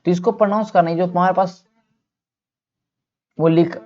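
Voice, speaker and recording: A male teacher giving an online vocabulary lesson. He asks questions and answers them himself, and stretches words out slowly so listeners can repeat them. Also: high-pitched, fairly even intonation, a little mellow, lo-fi sound.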